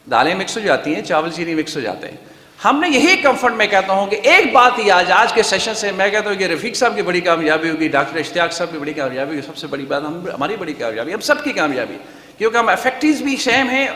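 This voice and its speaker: A man's voice: sits high, bright, forceful tone. A man giving a conversational public lecture to researchers, telling anecdotes, asking rhetorical questions and often slipping into English phrases. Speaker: guest speaker at a seminar. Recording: echoey hall with long reverb.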